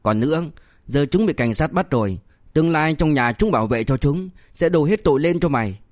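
A man's voice: on the high side, lively intonation, a little fast, darkish tone, no room sound, clean studio sound, lightly acted. A man voicing a blunt, threatening young boss who mocks and scolds in an audiobook story. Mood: menacing. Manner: harsh, threatening, mocking. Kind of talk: audiobook character voice.

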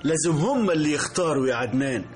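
Guy acting principled egyptian king in radio drama, stern, bit higher than average voice. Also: expressive, very fast, faint music behind, natural voice. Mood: stern, probing.

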